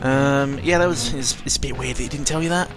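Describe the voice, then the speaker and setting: A British gamer with a medium-pitched voice talks briskly through unscripted play, rambling in a sarcastic, lightly sweary way. The mic sits close, and game music plays behind him.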